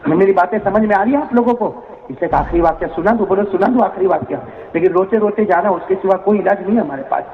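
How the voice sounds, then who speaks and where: Preacher, male, high voice, impassioned crowd-engaging delivery, echoey dull PA sound. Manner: calls on the crowd to answer, wails and cries out in the story. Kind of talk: emotional sermon storytelling. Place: gathering before a crowd. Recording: echoey hall, dull lo-fi with faint noise.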